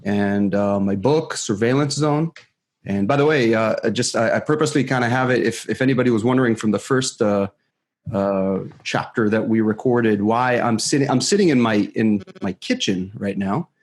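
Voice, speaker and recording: A man from Israel chats as an interview guest, recorded on a good microphone in his home kitchen. His talk is casual and halting, full of fillers and self-corrections as he explains his work. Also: fairly low pitch. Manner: hesitant, many fillers and restarts. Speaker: guest security expert. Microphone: studio microphone.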